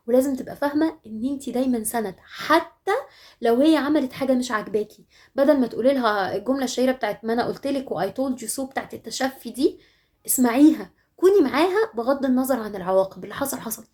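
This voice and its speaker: A woman's voice: fairly high pitch, a little mellow. A woman with an Egyptian Arabic accent giving earnest, direct advice to mothers in a monologue. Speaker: parenting advice host.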